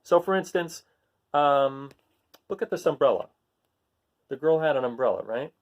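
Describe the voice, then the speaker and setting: A man with a fairly high voice reads storybooks to children at normal speed. He makes the sound words pop with expressive reading and talks to his young audience in easy, child-friendly phrasing between pages.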